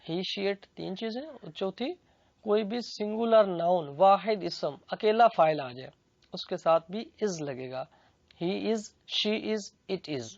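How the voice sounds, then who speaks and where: The clip is a methodical grammar explanation from a gravelly, slow-paced teacher with a Pakistani accent who repeats and translates every example phrase bilingually. His pitch is medium, there's no room sound, and the recording is dull and low-fidelity.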